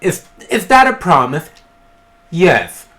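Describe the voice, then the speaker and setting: A gamer voicing a cold, calculating male strategist, reading game dialogue aloud slowly. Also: medium pitch, big pitch swings, a bit bright, slight background noise. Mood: stern. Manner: reads game dialogue aloud, slow and measured.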